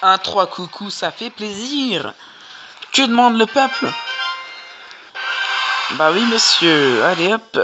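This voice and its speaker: A gamer doing casual, slangy, exclamatory live commentary on gameplay, with a mid-pitched voice. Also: very animated, takes it slowly, long pauses, highs cut off. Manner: informal, slangy, exclaiming at plays. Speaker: gaming video creator. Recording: music behind the voice. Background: music.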